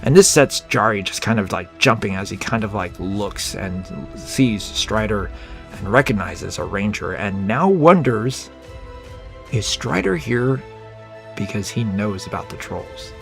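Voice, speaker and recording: A man narrates his own solo tabletop role-playing game in a casual, rambling way. His voice sits low with a gravelly texture, and faint music plays behind him. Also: expressive, unhurried, a bit bright. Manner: casual, rambling storytelling with fillers.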